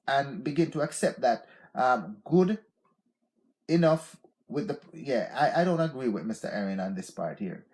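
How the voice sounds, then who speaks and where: This is a man in his forties, fairly high-pitched with a darkish tone, hosting an unscripted live stream in a Jamaican accent. He gives motivational talk loosely and repetitively, with plenty of "yeah, man".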